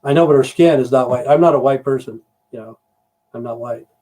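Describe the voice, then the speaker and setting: This Idaho host, a middle-aged man, talks fairly quickly in a warm, mid-range voice. He rambles and curses his way through a relaxed livestream, frequently saying "you know."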